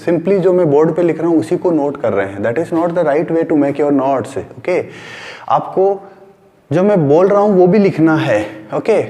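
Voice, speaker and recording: A man's voice: on the high side, warm tone. A man from India teaching a science class, repeating key words and asking and answering his own questions as he writes on a board. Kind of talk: class lecture mixing Hindi and English. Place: room with a board.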